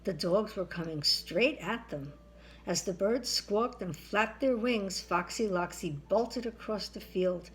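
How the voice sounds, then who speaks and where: A woman's voice: medium pitch, unhurried, poor audio. A sweet older woman, grandmotherly, narrating a children's story aloud.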